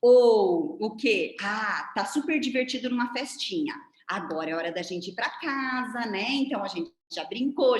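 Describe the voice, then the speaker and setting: A woman with a Brazilian Portuguese accent gives a didactic online lecture to a seminar over a video call, explaining things with hand demonstrations. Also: mid-range voice. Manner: didactic, animated, demonstrating with her hands. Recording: roomy echo.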